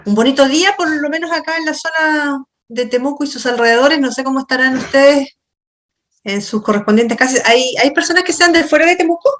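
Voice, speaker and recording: This online class lecture comes from a middle-aged female university lecturer with a Chilean accent who talks casually, questions her students, and explains with hesitation. She has a high, somewhat bright voice.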